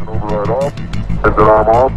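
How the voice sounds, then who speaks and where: Low male voices come through a crackly space radio link broken by beeps, trading clipped, matter-of-fact call-outs. Music plays clearly underneath the transmission. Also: fairly even intonation, normal speed, dull audio. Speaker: astronaut and mission control on radio.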